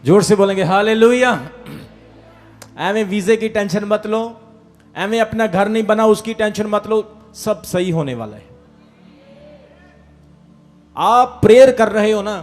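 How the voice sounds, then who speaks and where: A male pastor preaching at a live church meeting, calling on the crowd to shout hallelujah and amen and telling little stories about his listeners' lives. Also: high voice, lively intonation, normal speed, soft background music. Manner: tells quoted exchanges and a village anecdote. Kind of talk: sermon.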